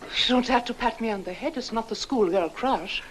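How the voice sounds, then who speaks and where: An actress in her twenties playing a forward young Swedish visitor, with a Swedish accent and a soft, teasing manner, in 1960s film acting. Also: on the high side, moderate pace, a little hiss or hum, natural voice, poor audio. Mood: coy. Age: 20s.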